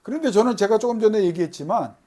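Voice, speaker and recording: High-voiced male pastor preaching. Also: fast talker. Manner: asks rhetorical questions and answers them; emphatic, swelling louder on key phrases. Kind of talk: sermon. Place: church service.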